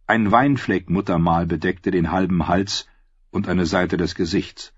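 A man narrating an audiobook in a steady, scripted reading voice. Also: sits low, a little slow, breathy edge, dry recording. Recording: dull lo-fi recording.

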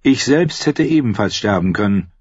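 A man's voice: lowish voice, normal speed, breathy edge, dry recording, dull audio. A man doing a loyal earnest knight. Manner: earnest, steady, pleading. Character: loyal, plain-spoken middle-aged male knight.

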